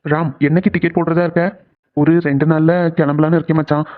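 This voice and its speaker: A man doing a friendly young cartoon guy who jokes and teases in quick, everyday speech. His voice sits a little high and moves at a fast clip. It comes through a thin, tinny line, as if over a phone. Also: little pitch movement, lightly acted. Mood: casual. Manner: quick, teasing banter. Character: young men, friendly and joking. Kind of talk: cartoon voice acting.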